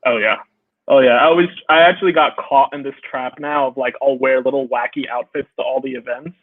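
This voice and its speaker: A young man from Brooklyn, New York, chats as a guest in a casual video-call interview, telling animated stories and laughing often in a brisk, mid-range voice. The sound is tinny, phone-like and dry, with no room sound.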